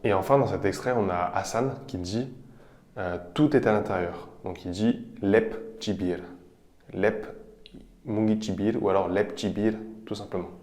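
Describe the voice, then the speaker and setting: A man teaching vocabulary, explaining each example patiently and repeating phrases slowly. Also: fairly low pitch, a little mellow. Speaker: language teacher. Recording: roomy echo.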